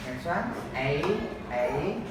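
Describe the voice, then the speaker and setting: A woman teacher slowly prompting a young child with short, simple questions, as if reading to a toddler. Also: sits low, expressive. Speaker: kindergarten English teacher. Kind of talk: simple call-and-repeat lesson for a young child. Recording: echoey room, distant mic, noisy.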